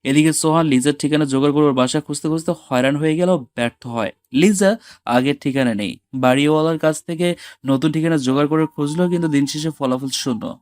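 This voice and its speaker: Male narrator, steady and dramatic, fairly high voice, dry close sound. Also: a little fast, no room sound. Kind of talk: scripted story narration.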